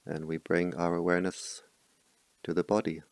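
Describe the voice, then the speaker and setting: A man leads a meditation in a deep voice thick with gravelly fry, speaking quietly and unhurriedly and leaving long pauses after each short, calm instruction. The recording is dry and close, with hardly any room tone.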